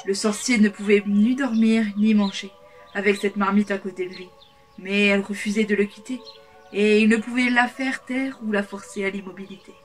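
A woman reading a fairy tale aloud in a calm, measured way. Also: mid-range voice. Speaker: storyteller. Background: soft background music.

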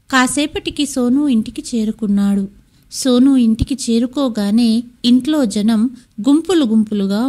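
A woman narrating a scripted story in a steady, measured way. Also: fairly high pitch.

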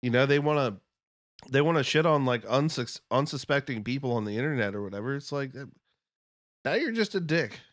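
A man's voice: medium pitch, fast talker, no room sound. A man guesting on a casual podcast, talking in a rambling, candid way and swearing now and then. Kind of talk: casual chat over beers.

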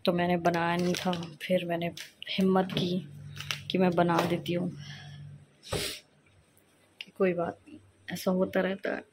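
Soft-spoken young woman with a cold. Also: fairly low pitch, completely flat delivery, unhurried, pauses often, a little hiss or hum. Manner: soft-spoken, talking quietly while others sleep; chatty, forgetful, mixes in English phrases. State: slightly congested from a cold. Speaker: vlogger. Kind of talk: casual cooking vlog chat. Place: home kitchen.

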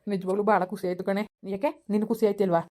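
Guy playing a gentle husband calming his wife, quick talker, mellow voice. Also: high voice, lightly acted. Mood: comforting. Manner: soothing, reassuring. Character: caring young husband, soothing and apologetic. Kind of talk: village skit acting.

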